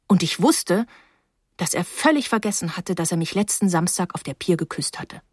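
A woman's voice: fairly low pitch, lively intonation, moderate pace, darkish tone, husky, no room sound, clean studio sound. German woman narrating an audiobook. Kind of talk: first-person novel narration.

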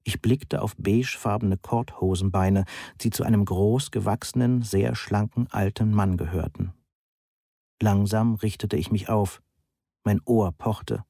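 A man's voice: lowish voice, dark tone, breathy edge, no echo. A man reading an audiobook in a dry, wry storytelling manner. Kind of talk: audiobook narration.

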